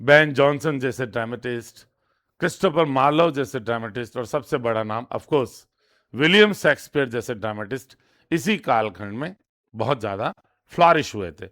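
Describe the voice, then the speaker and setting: A man teaching an exam-prep lesson, reading each question out slowly and then explaining it step by step with frequent repetition. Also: medium pitch, lively intonation, fairly bright tone. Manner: reads English questions slowly, then translates. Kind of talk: exam lesson in Hindi with English terms.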